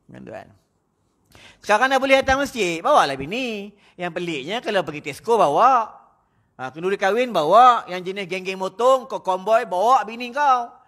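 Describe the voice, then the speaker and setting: Blunt high-pitched Malaysian Malay preacher. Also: male voice, animated, normal speed, fairly bright tone. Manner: blunt, teasing, scolding the audience, frequent "ya? ha.". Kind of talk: mosque lecture sermon. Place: mosque prayer hall.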